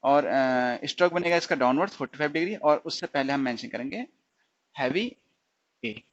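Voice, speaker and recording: A man teaching a stenography lesson, asking his students questions and answering them himself, repeating each sound slowly. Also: a little high, lively intonation, dry recording, lo-fi sound. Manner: slips into English definitions. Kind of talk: recorded shorthand lesson.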